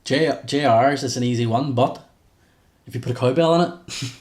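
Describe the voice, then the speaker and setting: A man's voice: medium pitch, normal speed, a little mellow. Man chatting in an echoey room. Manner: chatty, jokey, reels off names. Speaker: podcast co-host. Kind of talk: casual wrestling podcast chat. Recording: roomy echo.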